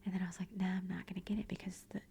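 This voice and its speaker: A woman speaking softly in a hushed, breathy near-whisper, gently and unhurriedly giving an ASMR book review. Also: lowish voice, flat delivery, very fast, a little hiss or hum.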